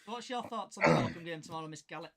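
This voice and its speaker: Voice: medium pitch, lively intonation, creaky, a crowd in the background. A host teasing guests and running a live fan podcast. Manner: teasing, brisk.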